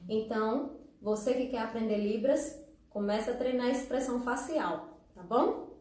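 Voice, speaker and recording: A chatty, fairly high-voiced woman hosts a live stream as a teacher. She talks straight to her viewers with easy laughter. She sits well back from the mic in a very echoey room. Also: normal speed, recorded from a distance. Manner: warm, chatty, laughs often, addresses viewers directly. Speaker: teacher hosting an Instagram live. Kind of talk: casual live-stream chat.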